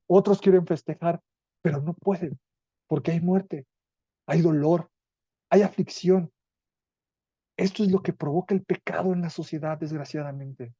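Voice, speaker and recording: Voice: mid-range voice, mellow, no room sound, dull audio. A Bible study teacher with a Mexican accent, reading scripture aloud and explaining it in an earnest way, with small restarts.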